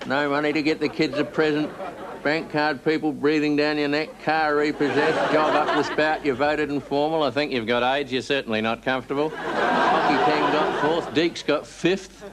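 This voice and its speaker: A man playing a gloomy cynic who sneeringly lists holiday miseries in a TV comedy sketch, over loud audience laughter. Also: a little high, moderate pace, a loud crowd, heavy background noise, natural voice. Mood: sardonic. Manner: sardonic, flat, listing miseries.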